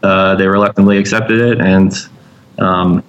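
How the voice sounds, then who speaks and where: Low voiced guy from vermont, kinda hesitant, dull muffled sound. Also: level tone, unhurried, slight background noise. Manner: hesitant, thoughtful, many fillers. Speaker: guest. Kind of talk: casual interview chat.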